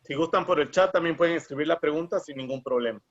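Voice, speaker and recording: A man's voice: fairly high pitch, fast. Polite man moderating an online workshop. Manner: polite, organizing. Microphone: video call. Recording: muffled lo-fi video call audio.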